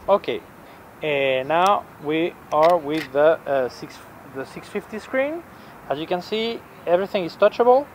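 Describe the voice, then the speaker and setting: A man in his forties, not a native English speaker, reviews cameras in a casual vlog from a bench in an outdoor city plaza. His fairly high voice is hesitant, with lots of fillers and repeated words, and the rough recording picks up faint street noise.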